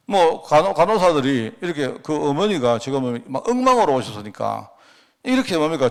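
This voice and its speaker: Male pastor, middle-aged, sermon in church, rambling, rhetorical questions, lively rise and fall. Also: medium pitch.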